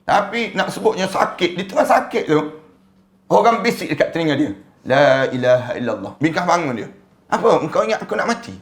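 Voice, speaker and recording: A man with a Malaysian accent preaching a sermon, animated and full of rhetorical questions. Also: sits high. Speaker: Islamic preacher.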